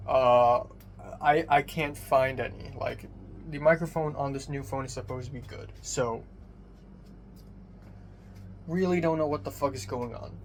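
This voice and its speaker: A young man rambling through a casual personal vlog, swearing casually, his voice thin with no bass on a phone microphone. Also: a little slow, long pauses. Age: young adult. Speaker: vlogger. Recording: thin bassless phone mic, background noise.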